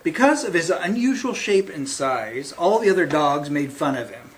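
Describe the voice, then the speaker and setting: A man reading a picture book aloud to children as a librarian at storytime, with theatrical, deliberate phrasing. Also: on the high side, big pitch swings.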